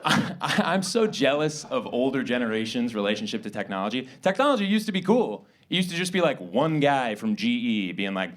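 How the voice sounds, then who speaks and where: A young man from suburban New York doing a stand-up set on a theater stage, animated and breaking into high-pitched character voices. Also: fairly quick, hardly any pauses. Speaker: stand-up comedian.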